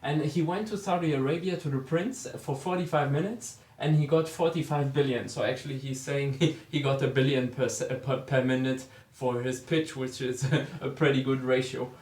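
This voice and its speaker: A man's voice: mid-range voice, steady tone, moderate pace, hardly any pauses, a little mellow. Chatty man explaining finance in an echoey room. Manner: chatty, addresses viewers directly as "guys". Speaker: finance video host. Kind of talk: casual explainer for beginners.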